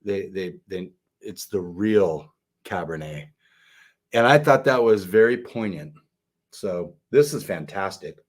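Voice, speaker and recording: A middle-aged man hosts a relaxed wine podcast. He speaks in a fairly low voice, chatty and halting, with lots of fillers as he gathers his thoughts. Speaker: podcast co-host. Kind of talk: casual wine-tasting chat.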